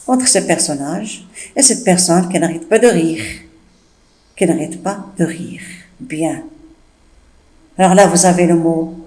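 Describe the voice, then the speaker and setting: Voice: medium pitch, mellow. A French teacher patiently explaining a text and its old words to pupils, often checking they follow. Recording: echoey room.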